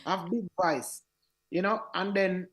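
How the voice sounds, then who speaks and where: Guesting on a radio interview, the Jamaican-accented reggae singer recounts his story in a raspy, high-pitched voice, unhurried but animated, frequently looping back to repeat himself. The audio quality is poor.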